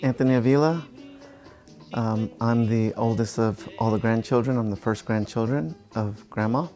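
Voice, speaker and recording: A man in his fifties, a firefighter, talking about himself in a relaxed, easygoing way. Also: lowish voice. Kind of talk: interview.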